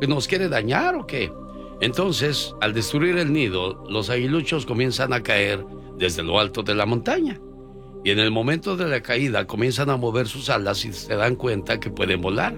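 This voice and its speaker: Radio host guy, animated voice, music under him, tells little stories to callers. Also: mid-range voice, normal speed, gravelly. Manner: folksy storytelling, playful. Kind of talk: morning radio call-in chat. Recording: radio broadcast with music bed.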